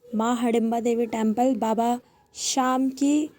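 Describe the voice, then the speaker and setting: A woman's voice: fairly high pitch, steady tone, a little slow, background noise. A young woman narrating a casual travel vlog, chatty and repeating set phrases as she goes. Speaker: vlogger.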